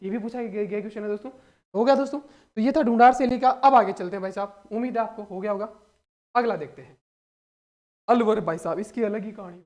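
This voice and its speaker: Young guy, pretty high voice, hyped up joking exam tutor who keeps repeating stuff. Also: quick pace. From Rajasthan, India. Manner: energetic, jokey, repeats phrases for emphasis. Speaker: exam coaching teacher. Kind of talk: animated mnemonic lecture.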